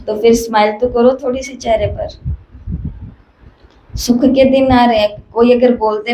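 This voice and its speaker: Woman, spiritual teacher, sermon, emphatic repeated questions, fairly high pitch, echoey room. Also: warm tone. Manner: repetitive emphatic questioning, storytelling. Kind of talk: spiritual discourse. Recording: echoey room with faint hiss.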